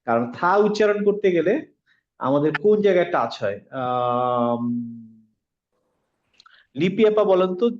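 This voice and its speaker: A man teaching a pronunciation class over a video call, patiently repeating sounds slowly to demonstrate. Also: a little high, lo-fi sound. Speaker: Quran recitation teacher.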